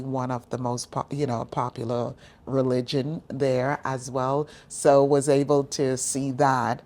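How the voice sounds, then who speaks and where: A woman's voice: extremely low pitch, a little mellow. A woman from the Bahamas, a university student success director, telling her story as an interview guest in an earnest, reflective way. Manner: earnest, reflective, unhurried with fillers.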